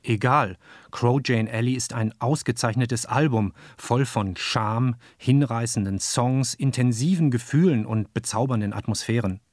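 A man reading scripted radio narration and voicing over an interviewee's words in an even, measured way. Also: mid-range voice, no echo. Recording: dry studio voice.

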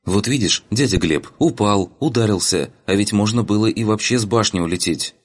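A man's voice: fairly low pitch, moderate pace, pitched above the performer's own voice, close to an everyday voice. A man reading an audiobook, voicing a cheeky teenage girl with whiny, teasing squeals. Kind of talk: audiobook narration.

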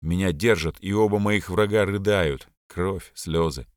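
A man narrating a first-person memoir in a reflective, expressive reading. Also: low-pitched, unhurried, smooth, no room sound, studio quality. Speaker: audiobook narrator.

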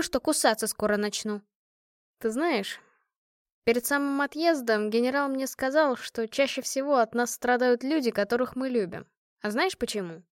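A woman voicing a caring but blunt young woman squad leader in an audiobook, talking gently and teasingly. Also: high voice, no echo, studio quality, close to an everyday voice.

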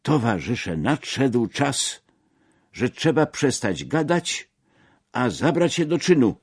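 Brief: a man doing a fiery agitator stirring up workers, husky voice, dry and close, lively pitch. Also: slow pace, no echo, exaggerated voice. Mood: rousing. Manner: rousing, declamatory speech with shouted slogans. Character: fiery male revolutionary agitator addressing workers.

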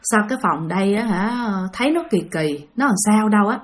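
A woman's voice: medium pitch, animated, a little fast, close to an everyday voice. A woman voicing an uneasy middle-aged mother who senses spirits in the room. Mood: uneasy hushed.

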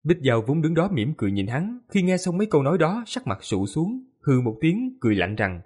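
A man narrating a fantasy novel audiobook with lively, expressive storytelling. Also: fairly high pitch, brisk, slightly rough.

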